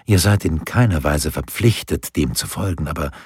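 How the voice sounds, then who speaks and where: A man voicing a calm, alluring woman who reads cards in an audiobook, speaking in a husky, measured way. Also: extremely low pitch, no room sound, studio quality, full character voice. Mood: counseling. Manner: measured, advising. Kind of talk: audiobook character voice.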